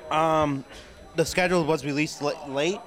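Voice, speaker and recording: A man's voice: a little high, fairly even intonation, unhurried, a bit bright. A young man hosting a casual convention recap, rambling with fillers and restarts. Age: young adult. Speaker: host.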